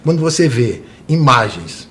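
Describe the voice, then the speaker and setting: A man's voice: mid-range voice, big pitch swings, a little slow, a bit bright, a little hiss or hum. Earnest Brazilian man, tour guide. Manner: earnest, frequent tag questions. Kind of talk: interview guest.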